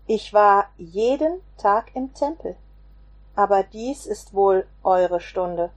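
A woman voicing a calm male teacher in a slow, measured, solemn way. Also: medium pitch.

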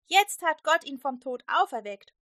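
A woman's voice: high voice, big pitch swings, normal speed, a bit bright, dry recording, studio quality, pitched above the performer's own voice. A woman voicing the apostle Peter, a bold man preaching earnestly to a crowd in a children's Bible story.

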